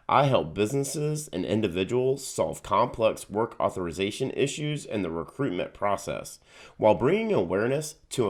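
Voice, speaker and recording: Male host, lower register, animated and earnest, scripted intro read.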